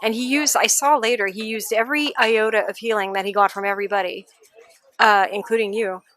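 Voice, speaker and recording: A woman telling lively, laughing stories about her cat in a casual interview. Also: mid-range voice, brisk, no echo. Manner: animated, laughing storyteller. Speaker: interviewee, pet owner. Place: outdoor adoption event.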